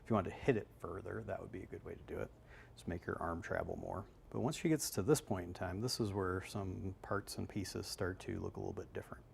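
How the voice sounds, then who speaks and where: A man's voice: deep voice, a little fast, creaky, a little hiss or hum. A man working as a golf instructor, explaining swings in a loose, conversational way on a live analysis show.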